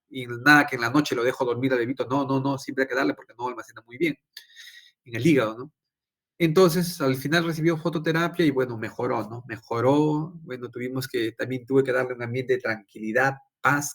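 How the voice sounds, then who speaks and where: A man's voice: mid-range voice, fairly bright tone. Lecturing man tagging lines with "¿no?". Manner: quizzes students, tags many phrases with "¿no?". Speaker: physiology lecturer and intensive care doctor. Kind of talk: informal lecture with personal anecdote.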